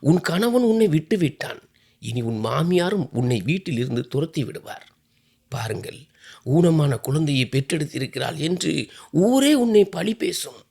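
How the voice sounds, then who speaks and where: A man's voice: fairly high pitch, big pitch swings, moderate pace, vocal fry, darkish tone, slightly rough, pitched above the performer's own voice, heavily acted. A man voicing a despairing mother who speaks to her daughter in a trembling, raised voice.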